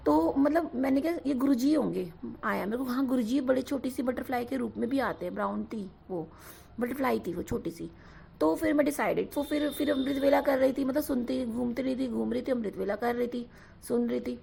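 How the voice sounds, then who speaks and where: A woman's voice: a little high, fairly quick, gravelly, mellow, a little hiss or hum. A young woman casually telling listeners about her own devotional experience, rambling with many fillers and often asking them to agree. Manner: often asks 'है ना' to listeners. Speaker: devotee sharing a personal experience. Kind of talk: casual spoken testimony to a devotional audience.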